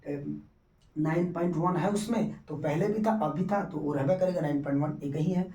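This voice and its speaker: A man's voice: a little high, moderate pace, dark tone. A male teacher going through a syllabus chapter by chapter, repeating himself and checking that students follow. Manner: repetitive, checks students understand. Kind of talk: syllabus explanation lesson. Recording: echoey room, mic at a distance.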